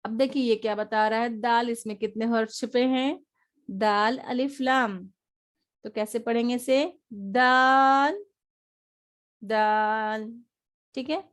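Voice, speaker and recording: A woman teaching an online Quran reading lesson. She patiently repeats each letter sound slowly for her learners. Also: fairly high pitch, steady tone.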